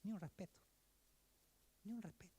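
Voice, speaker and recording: A man preaching a sermon as pastor, earnest and exhorting, moving between emphatic lines and hushed asides. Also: high voice, moderate pace, husky.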